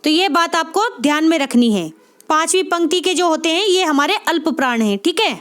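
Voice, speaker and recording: A woman with a strikingly high voice delivers an exam-prep lecture. She goes step by step, repeats key points and keeps checking that listeners follow. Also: animated, fairly quick, a bit bright. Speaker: teacher.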